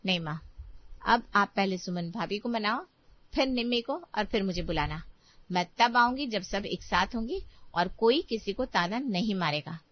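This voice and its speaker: A woman's voice: medium pitch, expressive, moderate pace, highs cut off, close to an everyday voice. A woman playing a sulky young daughter. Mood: reproachful. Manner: sulky, reproachful.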